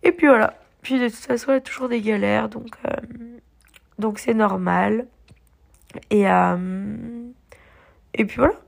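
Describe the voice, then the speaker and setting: A young woman chats through her travel vlog in a loose, rambling way, filling her talk with hesitations and restarts. Her voice has a strong gravelly fry, and she has a slight cough because she is a bit under the weather. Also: on the high side, steady tone, measured pace, pauses often. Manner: rambling, many fillers and restarts. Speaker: travel vlogger. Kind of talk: casual travel diary vlog.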